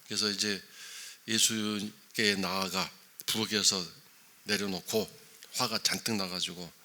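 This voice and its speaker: Pastor, male, sermon; low, forceful, tense delivery, rhetorical questions. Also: steady tone, slow. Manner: emphatic, rhetorical questions to the congregation. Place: church, early morning service.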